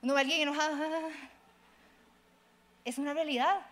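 A middle-aged woman pastor, preaching in an animated, conversational way, acting out quoted voices and addressing listeners directly. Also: high-pitched, very fast. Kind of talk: conversational sermon.

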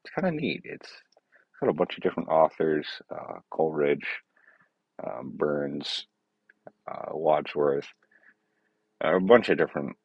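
A man's voice: rumbling low, lively intonation, a little slow, gravelly, long pauses, husky, no room sound, highs cut off. A man hosting his own podcast, talking in a meandering, hesitant way with many fillers and self-corrections. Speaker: podcast host. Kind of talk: rambling casual monologue.

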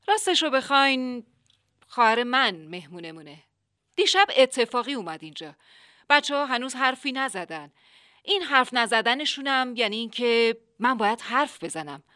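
A woman's voice: a little high, sharp tone. A woman narrating and hosting a comic radio drama, chatty and a little flustered, often apologizing to the other characters. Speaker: narrator and host.

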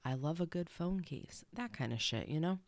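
A woman's voice: low-pitched, animated, normal speed, no room sound. A young woman hosting a casual podcast, chatty and rambling with side stories, her nose stuffy. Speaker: podcast host. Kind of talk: casual solo podcast chat.

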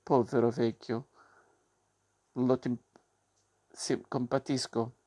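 A man doing a gruff rasping puppet master. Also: medium pitch, little pitch movement, slow pace, dark tone. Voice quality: rasping, sneezing. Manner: blustering, barking orders. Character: gruff bearded male puppet master, bluff but soft-hearted. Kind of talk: audiobook reading.

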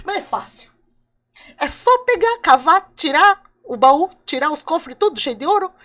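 A woman voicing a luckless male traveler in an oral storytelling, talking eagerly and quickly. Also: high-pitched, animated, a bit bright, pitched above the performer's own voice. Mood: excited. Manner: eager, talkative, quick and complaining. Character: weary luckless male traveler, excitable and complaining.

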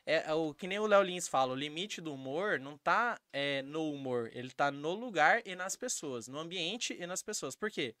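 A man's voice: fairly high pitch, normal speed, hardly any pauses, no echo, studio quality. A Brazilian man chatting casually on a podcast, telling stories and acting out the people in them. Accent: Brazilian Portuguese. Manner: animated storyteller acting out quotes.

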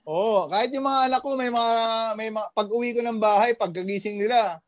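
A man's voice: sits high, a little fast, crowd noise. A man from the Philippines, a fitness trainer working abroad, chatting casually as a podcast guest in a motivational way, full of fillers and tag questions.

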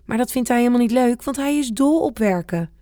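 A woman voicing a calm, kindly grandmother who explains things gently, reading a children's storybook aloud. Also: a little high, brisk, dry recording, clean studio sound, pitched above the performer's own voice, lightly acted. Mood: gentle.

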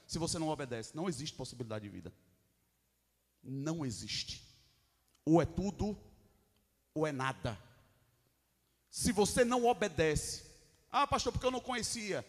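High-voiced Brazilian pastor preaching in a reverberant hall. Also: male voice. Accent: Brazilian Portuguese. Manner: emphatic preaching, swinging between loud and hushed. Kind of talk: sermon. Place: church hall.

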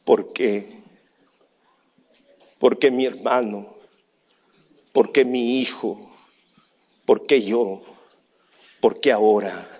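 A man preaching a sermon as a pastor, telling a story in a hushed voice and then shouting his appeals to the church. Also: lowish voice, very slow, pauses often, slightly rough.

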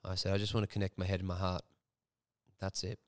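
A man's voice: deep voice, completely flat delivery, fast, dry recording, studio quality. A young man, hosting a podcast and telling a personal story frankly, swearing freely. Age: young adult. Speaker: podcast host.

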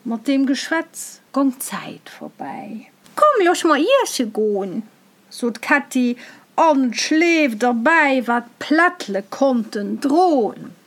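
A woman reciting a rhyming dialect tale in a measured, rhythmic way. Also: high voice, very animated. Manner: measured, rhythmic verse delivery. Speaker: storyteller.

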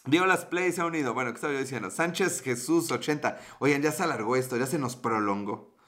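A man's voice: mid-range voice, fast, fairly bright tone. A man with a Mexican accent chatting casually on a livestream, rambling, slangy and swearing, reading out his viewers' comments, a bit tipsy. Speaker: livestream host reading chat.

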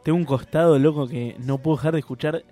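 A man with a Rioplatense Spanish accent co-hosting a radio show, telling stories in animated street slang. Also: a little high, fast talker, soft background music. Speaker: radio co-host. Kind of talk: casual radio banter.

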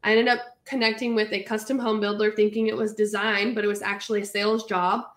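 A woman in her thirties from California, an entrepreneur guest telling her story in an animated, chatty way. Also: mid-range voice, fast, echoey room. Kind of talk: casual interview storytelling.

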